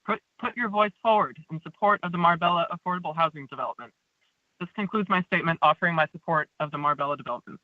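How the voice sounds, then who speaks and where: Woman calling in by phone, thin lo-fi line with no room echo, reads a measured public comment. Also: on the low side. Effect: tinny phone line. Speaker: public commenter at a planning meeting. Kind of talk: reading a prepared statement. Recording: tinny dry phone line.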